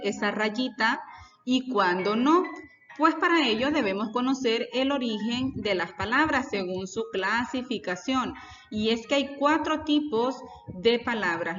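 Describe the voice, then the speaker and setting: A woman's voice: on the high side, fairly bright tone. A woman teacher giving a lesson, explaining step by step and putting questions to her students. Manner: deliberate, explains step by step and asks the class questions. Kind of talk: recorded class lesson. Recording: reverberant, dull lo-fi sound with faint music.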